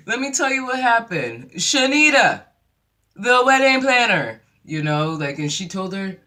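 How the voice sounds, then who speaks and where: A bright, sharp-toned host runs through a reality TV episode as a casual recap. The delivery is an animated storytelling style, with the host slipping into other people's voices for the quotes and laughing easily along the way. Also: mid-range voice, measured pace, slight background noise. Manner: laughs easily while retelling.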